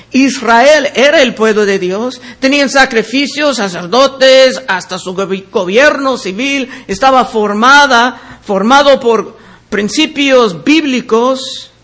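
A man teaching the Bible verse by verse. He reads each passage aloud and then explains it in a deliberate way. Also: extremely high pitch, fairly bright tone.

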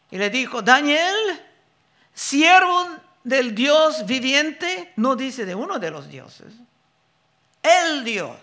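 A man preaching a sermon, reading Bible verses slowly and deliberately and explaining them. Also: very high-pitched, bright, forceful tone.

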